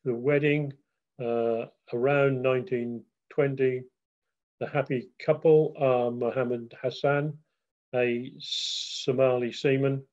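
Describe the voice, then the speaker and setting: Guy doing a history slideshow on a call, flat even voice, dull muffled audio, lots of uhs. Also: medium pitch. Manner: steady, with frequent uh fillers. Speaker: guest presenter.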